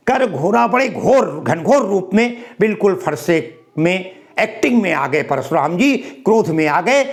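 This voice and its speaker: A man teaching and explaining verses of a religious epic, chanting lines slowly and then explaining them in an expressive way. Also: high-pitched. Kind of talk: expository lecture on verse.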